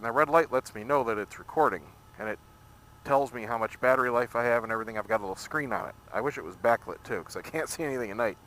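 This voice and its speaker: A man giving casual, rambling ride-along commentary, thinking aloud and explaining things as he records from inside a motorcycle helmet. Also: medium pitch. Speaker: motorcycle vlogger. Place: outdoors at night, riding a motorcycle. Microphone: microphone inside a motorcycle helmet. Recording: loud engine and wind road noise. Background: motorcycle engine and road rush.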